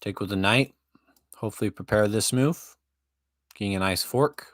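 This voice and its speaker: A man's voice: lowish voice, moderate pace, a bit bright, no room sound, clean studio sound. A young man commentating his own online chess games, swinging between panic and self-hype with self-deprecating jokes. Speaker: chess streamer.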